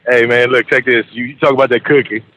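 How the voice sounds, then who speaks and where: Guy calling a show, punchy bright voice, cussing through stories, noisy line. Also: mid-range voice, fast. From Louisiana, rural South. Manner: animated, slangy, swearing. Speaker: caller. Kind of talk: casual profane storytelling.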